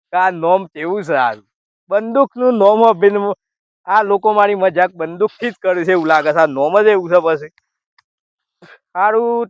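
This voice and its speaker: Weary complaining older man, high voice. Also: no room sound. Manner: weary, complaining, rustic dialect. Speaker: lost invitation carrier. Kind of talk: rustic village comedy sketch. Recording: dull lo-fi dry sound.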